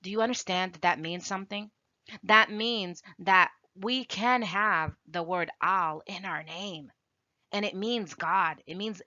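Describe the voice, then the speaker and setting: A woman's voice: medium pitch, sharp tone, no room sound, muffled recording. A woman giving an informal video lesson on a language, arguing her points firmly with rhetorical questions. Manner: emphatic, rebutting with rhetorical questions. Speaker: language teacher.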